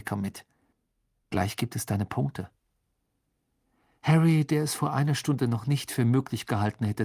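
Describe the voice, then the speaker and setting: A man narrating an audiobook in an expressive storytelling voice, recorded close in a studio. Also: mid-range voice, no echo. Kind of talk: scripted narration.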